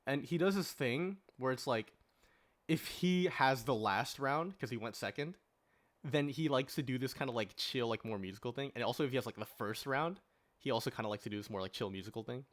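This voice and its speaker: This man, a podcast panelist, has a brisk, mid-range voice. Debating casually, he drags his arguments out with rhetorical questions and plenty of "like".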